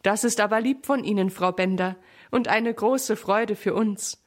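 A woman's voice: medium pitch, unhurried, natural voice. A woman voicing a cheerful mother sheep in a children's story, talking in a friendly, polite, welcoming way.

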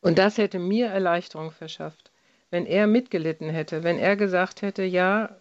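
A woman's voice: on the low side, moderate pace, a little mellow, no room sound, dull audio. A middle-aged woman speaking as a guest on a broadcast, earnestly explaining and appealing directly to listeners.

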